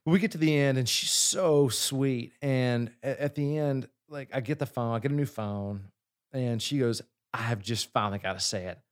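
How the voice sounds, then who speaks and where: Male singer, mid-pitch, profane, animated storyteller in a relaxed chat. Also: moderate pace, clean tone. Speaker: singer and guest.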